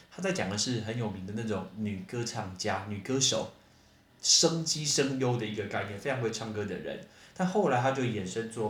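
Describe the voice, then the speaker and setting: A man hosting a casual English vocabulary lesson, chatty and animated, spelling words out letter by letter. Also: fairly low pitch, echoey room. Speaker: English teacher podcast host.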